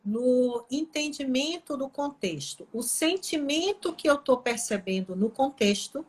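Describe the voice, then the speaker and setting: A middle-aged woman from Pará, Brazil, who works for the court and as a therapist, joins an online live chat as a guest and talks earnestly about training her own voice. Her voice is high-pitched and slightly rough, with lively intonation and a measured pace.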